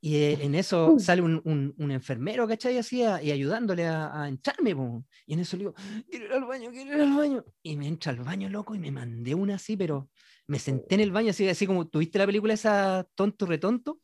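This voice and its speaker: Animated Chilean man telling a funny story. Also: high voice, fast talker, no room sound, clean studio sound. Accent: Chilean Spanish. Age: adult, married. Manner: animated, slangy, acts out quotes and laughs often. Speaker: storyteller in a group chat. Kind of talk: casual comic storytelling.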